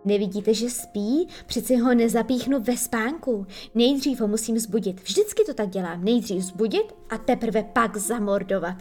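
A woman's voice: on the high side, few pauses, a little mellow, faint music behind, natural voice. A woman voicing Peter Pan, a boastful, moody boy who talks in a proud, matter-of-fact way.

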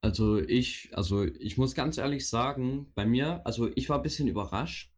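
A young man co-hosting a casual live stream, joking and hesitating with drawn-out exclamations. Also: mid-range voice, slightly rough. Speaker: stream co-host. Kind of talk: casual chat.

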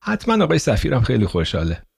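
A sly middle-aged spy, as a narrator plays him in an audiobook drama, guarded and evasive. He speaks at a mid pitch with an animated line, close and dry. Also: vocal fry, breathy edge, no room sound, exaggerated voice.

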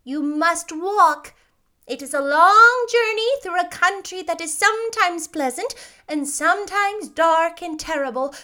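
A woman's voice: very high voice, expressive, measured pace, pushed and bright, pitched above the performer's own voice, heavily acted. A woman voicing a kind, solemn little old witch in a storybook reading. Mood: kindly, advising. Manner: solemn, instructive.

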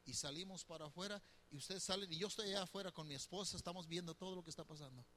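Middle-aged male pastor, high and very bright voice, chatty sermon that teases the congregation. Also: very fast, slight background noise. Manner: conversational, teasing, asks the congregation questions. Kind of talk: sermon on marriage.

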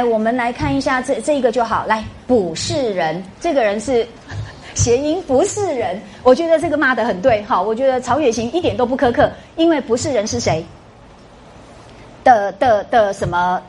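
A woman's voice: a little high, a little hiss or hum. A middle-aged woman giving a classroom lecture, quizzing her students with rhetorical questions and tag particles. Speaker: university lecturer.

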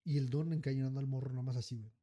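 In a rapid-fire, medium-pitched voice, a Mexican-accented podcast co-host relates a story during casual conversation. He swears freely and adds "güey" to nearly every phrase, animatedly performing the people he describes.

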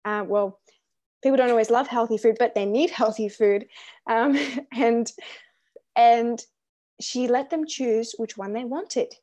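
A woman's voice: fairly high pitch, slow, mellow. A young woman hosting a faith podcast, talking earnestly and encouragingly, with frequent ums and restarts. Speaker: podcast host. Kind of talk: casual faith podcast chat.

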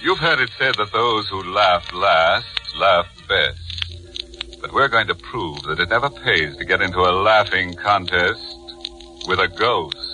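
A man introducing a ghost story in an ominous, deliberate manner, as a scripted radio announcement. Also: low voice, bright, forceful tone, soft background music, rough recording. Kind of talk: scripted narration.

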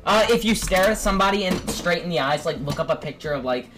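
A woman co-hosting a casual podcast chat with friends, insistent and quick to agree. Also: on the low side, expressive, noisy background. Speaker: podcast co-host.

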